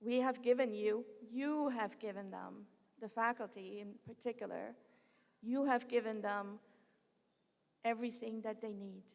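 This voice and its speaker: A woman's voice: fairly high pitch, gravelly. A woman who is a university president, giving a heartfelt, personal commencement address that drifts off script, speaking at a podium microphone in a large venue. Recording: long reverb of a large hall.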